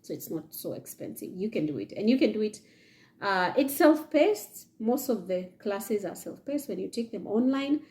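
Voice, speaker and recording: Seated in front of a leather chair in an indoor room, a young Kenyan vlogger with a Kenyan accent gives chatty advice to camera, often checking in with "yeah?" and "okay?". Her medium-pitched voice is sing-song and a little mellow, at a moderate pace.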